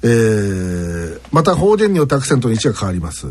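A man hosting a casual web radio show, reading listener mail and acting out word accents with exaggerated pitch swings. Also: very animated, a little fast, darkish tone, slightly rough.

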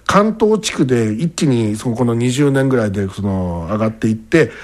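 A man's voice: medium pitch, animated, moderate pace. A man hosting a radio show in a chatty way, explaining things and laughing often. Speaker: radio host. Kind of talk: casual radio chat.

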